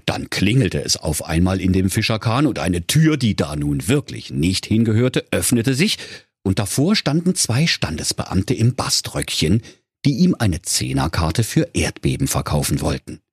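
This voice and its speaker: A man narrating a comic fairy tale for children in a playful, lively storytelling manner. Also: low voice, normal speed, husky, no echo, clean studio sound.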